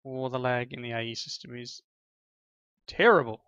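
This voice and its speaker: A man's voice: medium pitch, monotone, fairly quick, a bit bright, smooth, no room sound. A middle-aged man hosting a family game session, chatting casually through his play and praising his children along the way. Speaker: gaming channel host playing with his children. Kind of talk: casual gameplay commentary. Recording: slightly dull lo-fi sound.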